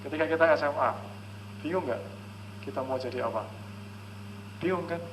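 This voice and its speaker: Lively male seminar speaker, slightly high voice. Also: moderate pace, background noise. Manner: keeps checking in with "ya" and "oke?", acts out parent and child dialogues. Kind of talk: live seminar talk to an audience. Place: seminar hall with a live audience.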